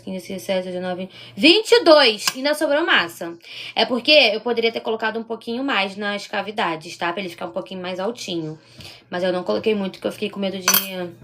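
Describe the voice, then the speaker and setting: In a medium-pitched, fairly bright voice, a Carioca woman from Rio de Janeiro, Brazil, teaches baking on a live stream. Chatty as she works, she keeps checking in with her viewers, her Carioca Portuguese accent clear.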